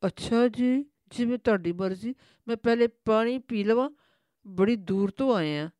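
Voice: mid-range voice, darkish tone, no echo, voice pushed up, close to an everyday voice. A storyteller voicing a chirpy, talkative village woman servant. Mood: cheeky.

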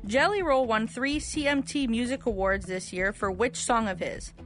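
On morning radio, a woman acting as quiz host reads out trivia questions with music playing underneath. Her voice is a little high and her pace moderate. She's in a studio, speaking into a studio radio microphone.

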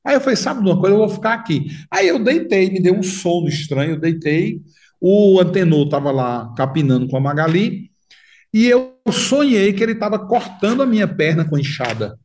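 A man's voice: sits high, very animated, brisk, darkish tone, far from the mic. A man with a Paraíba Northeast Brazilian accent telling his life story in a casual interview, acting out the voices of the people he quotes.

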